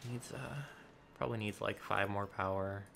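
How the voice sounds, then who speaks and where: A man's voice: lowish voice, steady tone, normal speed, gravelly, a bit bright, slight background noise. A man giving dry, sarcastic, rambling commentary over his gameplay at home into a desk mic. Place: home room.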